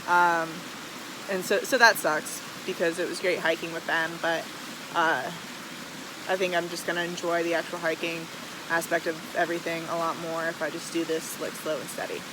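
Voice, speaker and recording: Rambling American hiker over loud rushing water. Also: mid-range voice, level tone, background noise. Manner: rambling, hesitant, frequent "like". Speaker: vlogger, long-distance hiker. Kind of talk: casual rambling video diary. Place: outdoors beside rushing waterfall.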